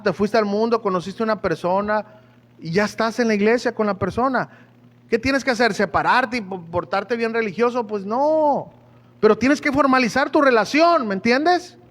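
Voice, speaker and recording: A man's voice: high voice, a bit bright. A man preaching a sermon in a chatty, joking way, often asking his listeners questions. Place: church hall. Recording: echoey church hall.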